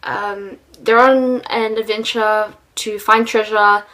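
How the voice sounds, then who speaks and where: A woman's voice: medium pitch, steady tone, takes it slowly, sharp tone, rough recording. A young woman giving a casual, rambling book review for her vlog, with lots of ums and little laughs.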